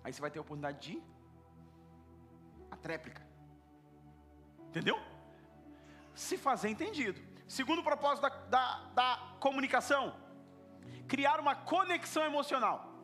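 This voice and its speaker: A male pastor delivers an animated sermon, repeating words for emphasis and slipping into acted-out exchanges. His voice sits high and leaps widely in pitch. Soft music runs faintly underneath. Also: normal speed, pauses often. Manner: animated, repetitive, acts out dialogues.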